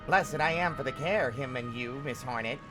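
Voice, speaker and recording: A man's voice: mid-range voice, moderate pace, lightly acted. A man voicing a meek, polite little male bug in a video game, speaking in quaint inverted phrases. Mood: grateful. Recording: game music behind.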